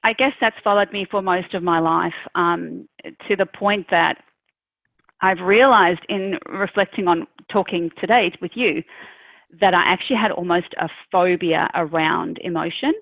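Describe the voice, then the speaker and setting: A woman in her forties with a South African accent softened by Australian and American tones. She chats easily as a podcast guest, pausing often with "um". Her voice sits a little low and comes through a dry, tinny line. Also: creaky, dry recording. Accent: mixed South African, Australian and American. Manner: chatty, frequent "um" fillers. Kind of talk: casual interview chat.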